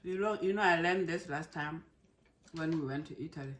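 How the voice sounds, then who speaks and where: Lady w a low slow voice talking with her mouth full, chewing and mm-ing, casual food chat, bit of noise behind. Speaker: food vlogger. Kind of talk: casual mukbang chat while eating.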